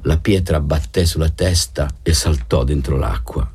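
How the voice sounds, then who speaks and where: A man reading a novel aloud in a calm, measured narration. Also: rumbling low, husky. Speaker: audiobook reader. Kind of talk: scripted narration.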